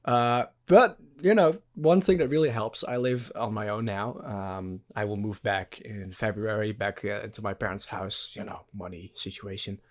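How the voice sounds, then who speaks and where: A man's voice: lowish voice, fairly even intonation, moderate pace, few pauses. A young man from the Netherlands, hosting a casual podcast chat, rambling loosely, swearing and laughing often. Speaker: podcast host.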